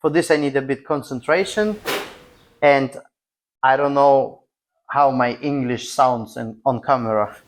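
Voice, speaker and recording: A man with a Russian accent talking casually to camera as a vlog host, in halting non-native English broken into short phrases. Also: mid-range voice. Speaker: host of a car restoration channel. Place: garage.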